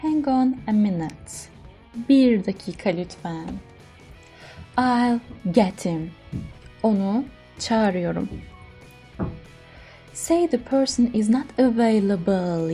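A woman's voice: mid-range voice, dark tone. A woman teacher patiently explaining English phone phrases. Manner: clear, patient explaining, mixing English phrases with Turkish translations.

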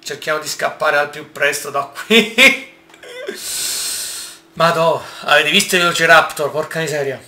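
An excitable man gives casual gameplay commentary, talking straight to his viewers and exclaiming often. His voice is bright and a little high. The room around him is echoey. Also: fairly quick, few pauses. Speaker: gaming YouTuber.

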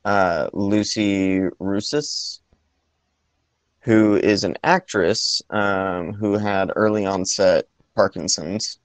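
Slow, low-voiced man with a gravelly edge. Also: no room sound. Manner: hesitant, many ums and restarts. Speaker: podcast co-host. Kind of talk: casual movie podcast chat.

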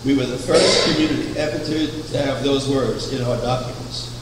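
In a chapel, an older preacher who founded a religious order speaks from a wooden pulpit with a mid-range voice, unhurried and anecdotal, often asking rhetorical questions. Captured from far off by a camera, the audio carries chapel echo and an air conditioning hum.

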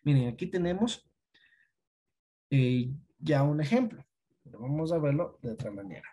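A patient teacher walking students through an online lesson. The voice is mellow and a little husky, with a middle pitch. Points are often closed with a quick check that the class follows. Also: very animated. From Ecuador. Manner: explains patiently, asks checking questions.

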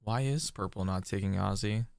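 A man streaming a strategy game, commenting live, excitable and laughing often, breaking into disbelieving exclamations. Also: lowish voice, normal speed, gravelly, no echo. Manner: laughs often while talking.

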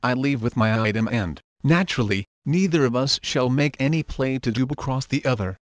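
A man's voice: medium pitch, brisk, no room sound, natural voice. A man voicing a wily, flippant pirate captain in a motion comic, with a wordy, theatrical manner. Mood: sly, flippant. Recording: background music under the voice.

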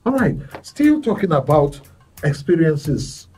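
A man, hosting a talk show with measured, formal phrasing. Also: a little high, sing-song, mellow, husky. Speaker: podcast host. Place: studio set. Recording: distant mic, faint music behind.

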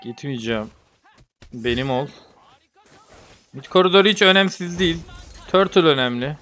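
A man's voice: on the high side, animated, normal speed, fairly bright tone, soft background music. A young man from Turkey commentating his own mobile game like a football match, joking and grumbling at his teammates. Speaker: gaming streamer. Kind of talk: gameplay commentary.

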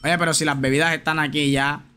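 A male live streamer talking loosely over gameplay, slangy and chatty, addressing his viewers directly. His voice sits a little high and rings bright and forward, with a faint hiss of noise under it. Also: level tone, fast talker. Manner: chatty, slangy, talks straight to viewers and reads chat aloud. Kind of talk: casual live gameplay chat.

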